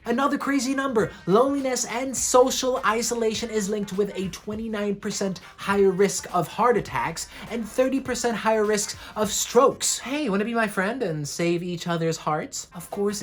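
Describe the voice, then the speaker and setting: A woman hosting a comedic explainer video, delivering facts with jokey asides in a lower voice. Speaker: host.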